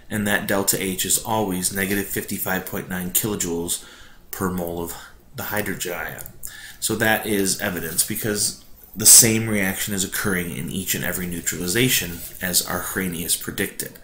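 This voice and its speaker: A man's voice: deep voice, slight background noise. Man teaching with a cave echo. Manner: relaxed, conversational explaining. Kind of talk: recorded online lesson. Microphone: built-in computer mic. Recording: echoey room without a proper mic.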